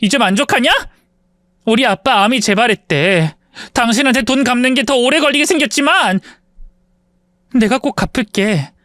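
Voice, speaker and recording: A man performs the role of a furious wife scornfully shouting at her husband, raising his pitch above his own while keeping a natural-sounding mid-range voice. His intonation is lively and his pace moderate. The studio recording is clean, with no room sound.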